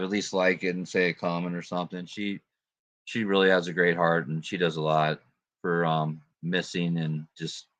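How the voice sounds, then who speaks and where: A man's voice: low voice, a bit bright, no room sound. A man hosting a casual livestream, greeting viewers and chatting in a laid-back way with plenty of fillers and laughs. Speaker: livestream host.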